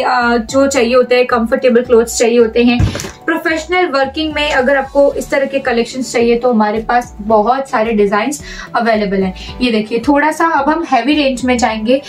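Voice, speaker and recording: A young Indian woman presenting clothing in a shop with a chatty, persuasive sales patter, repeating words for emphasis. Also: high-pitched. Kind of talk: product showcase sales pitch. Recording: voice a bit far from the mic, music underneath.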